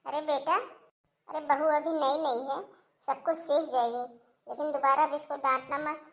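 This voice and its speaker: A woman's voice: high voice, fairly even intonation, moderate pace, creaky, fairly bright tone. A woman voicing a scheming, two-faced older mother-in-law in a cartoon, sugary to her son and smug behind his back. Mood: sweetly forgiving. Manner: sugary scolding, then smug and sly. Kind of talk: cartoon voice acting.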